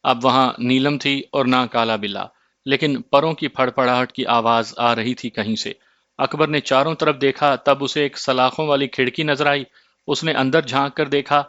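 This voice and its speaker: Give me a man reading a horror tale in a measured voice, muffled and dry. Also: mid-range voice, fairly bright tone, no echo. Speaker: storyteller. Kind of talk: scripted horror narration.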